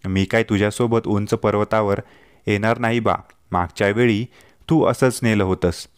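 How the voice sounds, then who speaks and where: A man's voice: fairly low pitch, fairly even intonation, normal speed, clear, resonant tone, dry recording, clean studio sound, natural voice. A man voicing an affectionate, teasing young wife in a told story, playful and pleading by turns. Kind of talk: storytelling dialogue.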